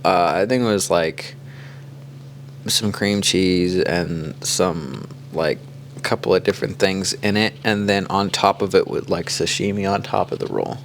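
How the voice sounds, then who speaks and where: A man's voice: low-pitched, a little slow, slight background noise. A man from the Kansas City area co-hosting a podcast, chatting casually and telling stories in a loose, rambling way. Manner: relaxed storytelling, loose with "like". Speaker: podcast co-host. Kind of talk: casual chat.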